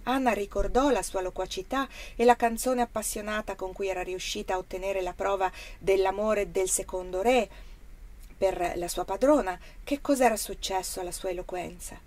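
A woman reading a novel aloud in a measured, expressive narration. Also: medium pitch. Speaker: audiobook reader. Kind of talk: scripted narration.

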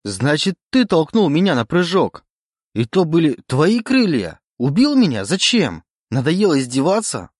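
Brief: man voicing an agitated young man, high and pleading, dry read. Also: sing-song, moderate pace, dry recording. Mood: frantic. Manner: pleading, rising panic.

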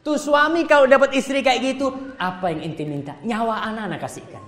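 A man giving an animated sermon to a congregation, swinging between loud exclamations and soft asides. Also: extremely high pitch, fairly quick. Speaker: preacher. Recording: echoey hall recording.

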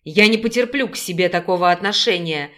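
A woman reading an audiobook and voicing a possessive, domineering bear-shifter man who speaks in a slow, clipped, growling way. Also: on the low side, a bit bright, close to an everyday voice. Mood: furious. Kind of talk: audiobook character voice.

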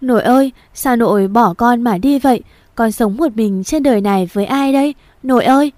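A desperate young village girl, the grieving granddaughter, crying out and pleading in a raised, pitched-up voice, put on by a woman reading a story aloud. The tone stays mellow and warm underneath the strain. It is recorded close and dry, with no room sound at all. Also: normal speed, dry recording, natural voice. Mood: sobbing.

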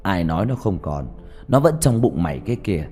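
A man voicing an angry, grieving old father who shouts and scolds. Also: low voice, big pitch swings, fairly quick, long reverb tail, soft background music. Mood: furious pleading.

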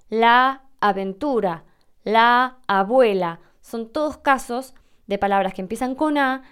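An Argentine woman with a clear, mid-range voice and an Argentine Spanish accent hosts a podcast, answering listener questions in an explanatory language lesson. She's patient and explains everything step by step.

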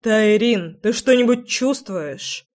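A woman reading a protective young man in an audiobook, calm and firm. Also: medium pitch, slow.

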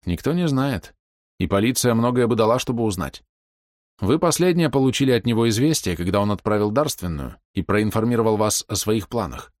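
A man's voice: on the low side, expressive, darkish tone, dry recording, clean studio sound, voice pushed up, natural voice. Man playing a grave, regretful colonel. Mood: firm. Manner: measured, sober, apologetic. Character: grave middle-aged colonel, regretful but firm.

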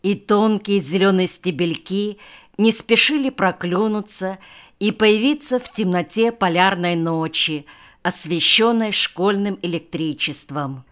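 A woman reading an audiobook in calm, even scripted narration, recorded close to a studio mic. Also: medium pitch, a little slow.

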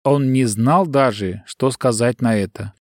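A man reading an audiobook as narrator, telling the story in a steady, even way. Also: medium pitch, a little slow, no room sound, clean studio sound. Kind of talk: scripted narration.

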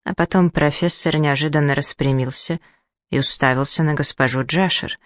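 Steady audiobook narrator, dry sound. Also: mid-range voice, moderate pace, no echo. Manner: steady storytelling. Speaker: audiobook reader. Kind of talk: scripted novel narration.

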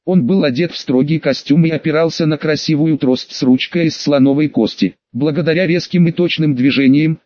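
Man, audiobook narration, steady delivery, fairly high voice, dry sound. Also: dry recording. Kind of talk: scripted first-person narration. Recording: dull lo-fi dry recording.

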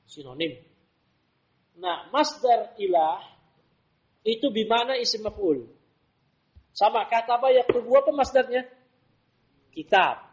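A man's voice: extremely high pitch, expressive, unhurried, long pauses, breathy edge. A man teaching a religious class, quizzing his students with rhetorical questions. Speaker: Islamic teacher. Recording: dull lo-fi lesson recording.

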